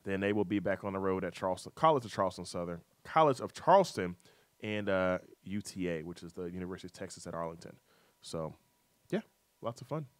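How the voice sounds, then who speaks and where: Chatty male sports radio host, low voice. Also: fast talker, no room sound. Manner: chatty, reads scores with fillers, teasing co-host. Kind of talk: casual sports talk radio.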